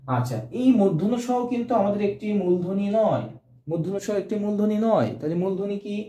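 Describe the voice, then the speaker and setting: This man's voice is high, mellow and lively in intonation, and he talks a little fast. Teaching grammar for exam prep, he poses questions and supplies the answers himself, recorded in an echoey room.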